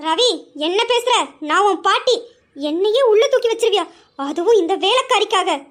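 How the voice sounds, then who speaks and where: A woman playing a scheming old grandmother villain in an audio drama, piercingly high and shrill, barking insults and orders with cold scorn. She talks down to everyone around her. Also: fairly quick, fairly bright tone. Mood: threatening. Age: older. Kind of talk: amateur Tamil audio drama.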